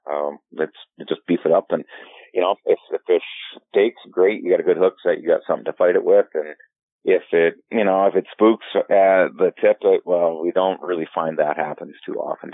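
A man, a fly fishing guide and filmmaker, answering in a relaxed podcast interview and rambling through many restarts. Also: a bass voice, no room sound. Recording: tinny phone-like line.

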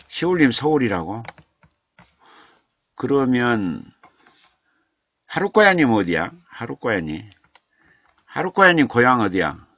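A man hosts a live stream and reads viewer comments aloud in an unhurried, chatty way, often chuckling and repeating names. His pitch rises and falls in a lively way. The sound is dry and slightly dull, like lo-fi stream audio. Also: no echo. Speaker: literature professor hosting a live stream.

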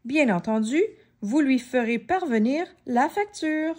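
A woman's voice: sits high, animated, a little slow, a little mellow. A woman voicing a mischievous female prankster in a children's story, playful and sly.

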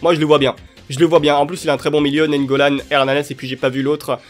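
A young man giving excitable, chatty commentary over his football video game matches, cheering at goals. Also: on the high side, fast talker. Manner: excitable, cheers and shouts at plays. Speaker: gaming YouTuber. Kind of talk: live gameplay commentary. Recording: light music underneath.

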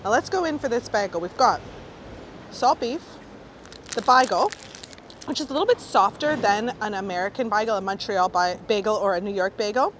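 This guided food vlog features a woman with a mid-range, animated voice speaking at a normal speed. She chats enthusiastically while touring outside and through small food shops, with a noisy street behind her.

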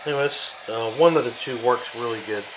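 Filming from behind a handheld camera in his home kitchen, a man hosts a casual hobby video, doing off-the-cuff show-and-tell in halting phrases that trail off. His voice sits in the mid range, and the home camera recording is clearly noisy.

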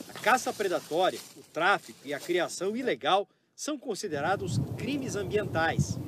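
A male TV reporter with a Brazilian accent, narrating a news report in a measured, grave tone. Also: high voice, background noise. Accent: Brazilian Portuguese.

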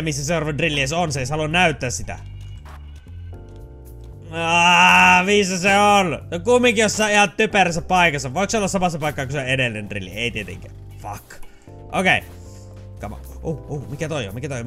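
Excitable, bright-voiced man commenting gameplay. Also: a little high. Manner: excitable, swears and yelps, mixes in English phrases. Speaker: let's play gamer.

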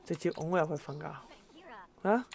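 A woman narrates her own gameplay, her voice sitting a little low. She talks in an exasperated, exclaiming way, scolding the characters on screen as she plays. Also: expressive, fairly quick, gravelly, darkish tone, slight background noise. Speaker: gameplay commentator. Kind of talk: let's-play commentary.

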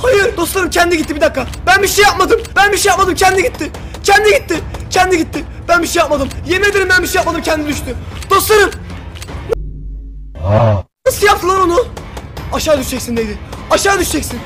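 A man giving excited, shouty commentary on a video game, talking straight to his viewers. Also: very high-pitched, fast. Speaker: gaming video creator. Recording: loud music over the commentary.

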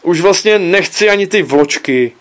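Guy voicing a confused teen boy, innocent, gets shrill and whiny when pushed, storybook reading. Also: animated. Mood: puzzled. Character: teenage son, puzzled and then exasperated.

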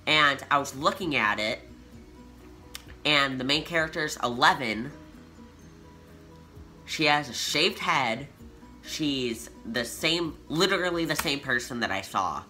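A man's voice: medium pitch, slow, long pauses, faint music behind. A teenage boy telling a casual storytime to his channel, chatty and full of "like" fillers. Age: teens. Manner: chatty, filler-heavy with frequent "like"; youthful and animated. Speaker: vlogger.

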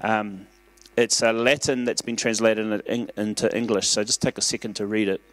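A man's voice: lowish voice, flat delivery, moderate pace, fairly bright tone, no echo. A man preaching a sermon in a church, in an earnest, conversational way, pushing up for emphasis. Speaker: pastor.

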